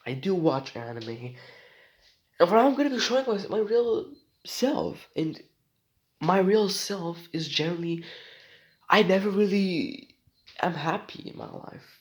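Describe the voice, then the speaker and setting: A sick Romanian teenage boy, a vlogger whose first language is Romanian, rambles casually, joking, restarting often, and using lots of slang. His voice sits high and animated, a little slow, with frequent pauses.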